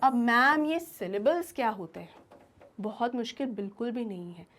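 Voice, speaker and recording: A woman's voice: a little high, animated, moderate pace, a bit bright. A woman teacher giving a grammar lesson, asking her students questions and answering them herself.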